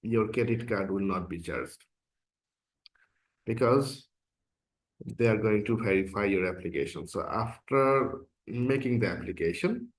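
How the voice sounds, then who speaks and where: Here a fairly low-pitched, unhurried male voice belongs to a course instructor, a Bangla-speaking man from Bangladesh who speaks English as a second language. He casually guides viewers through an application form step by step in a screen-recorded walkthrough, frequently filling pauses with "uh" and "okay" as he explains.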